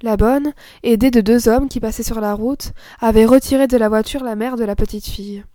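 A woman's voice: on the high side, no echo. Woman narrating a classic story, dry. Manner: measured, expressive reading. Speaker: audiobook narrator. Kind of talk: scripted narration.

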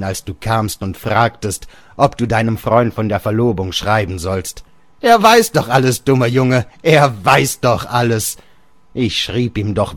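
A man's voice: on the low side, no echo, voice pushed up, lightly acted. A man reading an audiobook, voicing an old bedridden father who rants scornfully at his son and keeps raising his voice. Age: older. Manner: ranting, raising his voice in bursts.

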